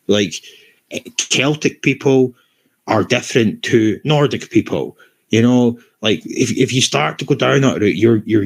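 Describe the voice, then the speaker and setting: A man's voice: on the low side, creaky, breathy edge. A Scottish man hosting a livestream discussion, blunt and swearing, restarting his sentences often.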